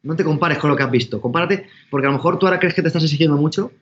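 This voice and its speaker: A man's voice: on the high side, very fast, fairly bright tone, dull audio. A man from giving an interview, talking casually in a rambling, self-correcting way. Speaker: interview guest, entrepreneur.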